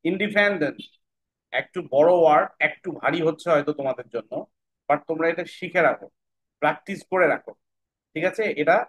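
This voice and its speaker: A man teaching children to break English words into syllables, spelling each letter aloud and repeating every word slowly while checking they follow. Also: fairly high pitch, a bit bright, poor audio. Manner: checks in often with "right?".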